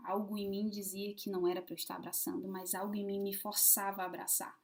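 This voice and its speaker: Speaking to camera, a woman tells a personal story casually and expressively, swinging between loud emphasis and hushed asides. Her voice is medium in pitch and she talks fast.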